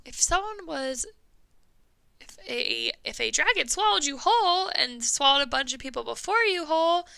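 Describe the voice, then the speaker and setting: A woman's voice: sits high, expressive, normal speed, creaky, sharp tone, no echo, rough recording. A woman music teacher reading a story to young children with lots of expression, singing the refrain and asking them questions.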